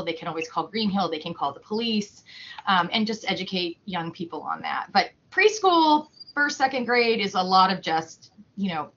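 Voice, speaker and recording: A woman's voice: on the low side, fairly bright tone, muffled recording. A woman who works as a humane educator, talking casually in an interview, chatty with lots of fillers and restarts. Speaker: humane educator at an animal shelter.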